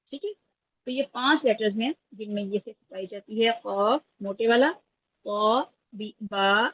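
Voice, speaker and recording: Husky-voiced woman teaching over a call. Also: fairly high pitch, dry recording. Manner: patient step-by-step explaining, checking in with students. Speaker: Quran recitation teacher. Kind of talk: online class lesson. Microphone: video call. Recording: dull lo-fi online call audio.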